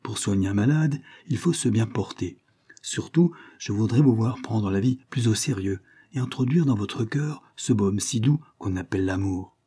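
A man's voice: on the low side, moderate pace, mellow, slightly rough. A man reading a grave, lecturing nobleman. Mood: earnest. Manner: serious, lecturing. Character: earnest grave young nobleman.

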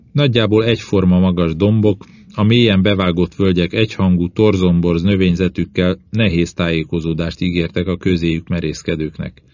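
A man narrating an audiobook in the first person, with measured, descriptive reading. His voice is very low and deep. The recording is dry and dull, with no room sound. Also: darkish tone, no room sound.

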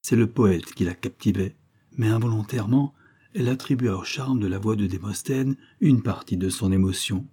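A man reading a nineteenth-century short story aloud in a measured, even narration. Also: lowish voice, breathy edge. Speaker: audiobook reader. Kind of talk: literary narration.

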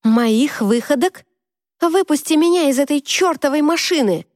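A woman's voice: on the high side, normal speed, no room sound, clean studio sound, pitched above the performer's own voice, lightly acted. A woman playing a furious, defiant young woman. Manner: raised, indignant shouting.

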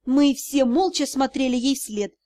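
High-voiced woman narrating a novel. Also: unhurried. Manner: expressive, storytelling. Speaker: audiobook narrator. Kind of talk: first-person novel narration.

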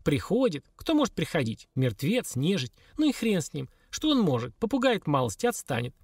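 A man's voice: on the high side, wildly swooping pitch, normal speed, husky, dry recording, studio quality, pitched above the performer's own voice, full character voice. A man voicing a sly young woman who answers offhandedly and mockingly. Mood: scoffing.

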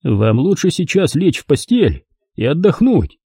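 Casting note: tired commanding security boss, raised pitch, dark husky tone, done by a male narrator. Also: sing-song, dry recording, clean studio sound, exaggerated voice. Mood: calm. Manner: measured and commanding. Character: calm, weary male security chief. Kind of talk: audiobook character voice.

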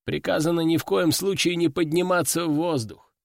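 A man's voice: fairly high pitch, fairly even intonation, moderate pace, gravelly, no room sound, clean studio sound. A man voicing a weary male helicopter pilot who reports bad news with a resigned sigh, in an audiobook. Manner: resigned, sighing.

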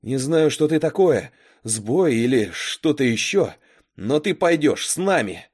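A man's voice: mid-range voice, lively intonation, unhurried, darkish tone, husky, voice pushed up. A man voicing a cocky masked young agent, commanding and threatening in a storybook reading.

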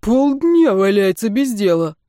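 A woman's voice: mid-range voice, big pitch swings, unhurried, warm tone, no room sound, studio quality. A woman doing a grumbling, surly young man. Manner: grumbling, sulky.

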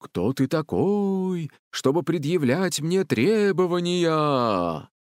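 A man voicing a forest spirit that speaks slowly in a booming, theatrical voice. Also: very animated, no echo, clean studio sound.

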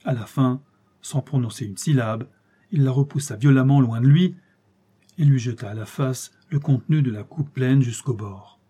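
Husky-voiced man narrating a classic tale. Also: mid-range voice, normal speed. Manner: steady, expressive storytelling. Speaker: audiobook narrator. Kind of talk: dramatic audiobook reading.

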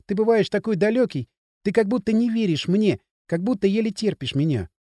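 A man's voice: sits high, brisk, dark tone, no echo, studio quality, voice pushed up, lightly acted. A man voicing a lonely young woman who speaks in a pleading, tearful way.

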